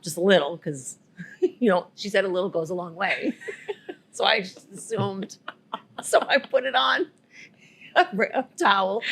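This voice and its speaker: A woman's voice: mid-range voice, fairly bright tone. A woman co-hosting a podcast, telling a rambling story in a casual, giggly way. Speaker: podcast co-host.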